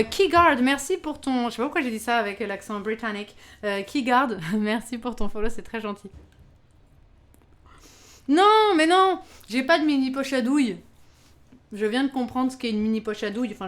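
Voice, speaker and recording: Talking quickly with hardly a pause, a woman with a slightly high voice hosts a live baking stream. She chats casually with her audience, laughs often, and exclaims over her baking.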